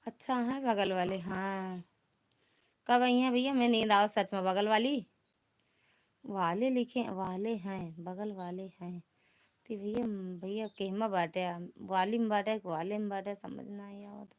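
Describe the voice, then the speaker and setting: A woman's voice: medium pitch, steady tone, unhurried, a little mellow. A woman with an Awadhi accent hosting a casual live stream, bantering with viewers in a teasing, rustic way. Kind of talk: casual live chat reading comments.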